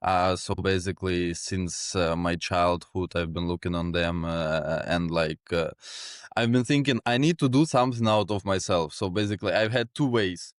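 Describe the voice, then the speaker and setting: A man in his twenties from Ukraine, a guest in a casual interview, talking in a relaxed way with many fillers and small chuckles. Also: deep voice, normal speed, no echo, clean studio sound. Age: 20s. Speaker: guest, sales executive.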